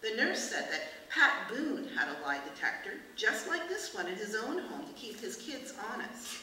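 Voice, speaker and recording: A woman author reading aloud from her novel at a book festival, in measured, expressive narration. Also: a little high. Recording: echoey room from far off, hiss.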